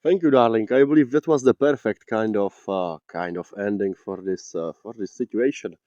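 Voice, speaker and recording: A man talking casually and haltingly, with many fillers, as he wraps up his video. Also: on the low side, warm tone, no room sound, dull audio. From Czechia. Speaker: video maker. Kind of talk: casual chat.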